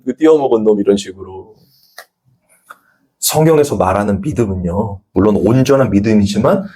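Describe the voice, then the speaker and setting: A man's voice: medium pitch, a little mellow. A male pastor giving a conversational sermon at a Sunday church service, telling stories and acting out the dialogue.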